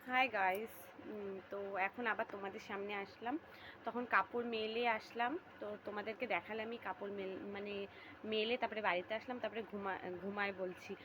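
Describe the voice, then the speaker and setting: A woman's voice: mid-range voice, noisy background. A young woman chatting casually to viewers about her household chores in a vlog. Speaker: vlogger. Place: rural home and riverside.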